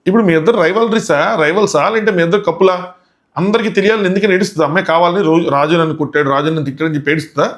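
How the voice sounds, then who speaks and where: Guy ranting fast about a reality show episode, lots of why-would-you questions, kinda high voice. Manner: indignant, full of rhetorical questions. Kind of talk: casual video commentary.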